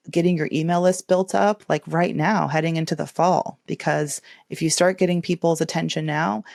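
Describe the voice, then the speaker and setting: A woman's voice: on the low side, a little mellow, dry recording, clean studio sound. A woman podcast host giving casual career advice in a chatty, encouraging way with playful asides.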